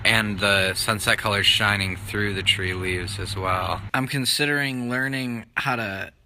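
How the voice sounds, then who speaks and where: A man's voice: lowish voice, unhurried, bright, forceful tone, slight background noise, rough recording. A young man from Michigan talking through a casual video diary in an offhand, rambling way. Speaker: vlogger.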